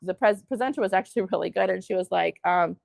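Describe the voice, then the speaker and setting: A middle-aged woman gives a classroom workshop talk with a strongly gravelly, creaky voice. The sound is dry and close. She tells lively stories, acts out what people said, and throws questions to her listeners. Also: mid-range voice, fast, dry recording. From United States. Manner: lively storytelling, quotes people in put-on voices, asks the audience questions. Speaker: workshop presenter.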